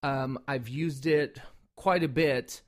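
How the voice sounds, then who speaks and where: A man's voice: mid-range voice, steady tone, takes it slowly. A man giving a casual product review in a rambling, informal way, often correcting himself. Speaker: product reviewer and call maker.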